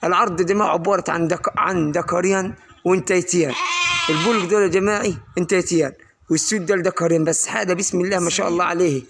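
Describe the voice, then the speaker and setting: A man with an Upper Egyptian Arabic accent giving an exclamatory, repetitive livestock sales pitch in the manner of a street vendor's chanting cry. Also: steady tone, fast talker. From Egypt, Asyut in Upper Egypt. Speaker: livestock seller presenting his sheep for sale. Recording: noisy recording with animals bleating. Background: sheep bleating.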